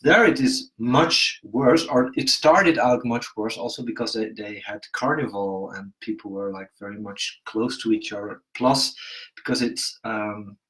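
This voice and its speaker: A man from Brabant with a Dutch accent, co-hosting a casual livestream from home, speaking calmly and reflectively with hesitant pauses. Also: lowish voice, low-quality recording. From Brabant, Netherlands. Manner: calm, reflective, hesitant fillers. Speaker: coaching show host. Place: room at home.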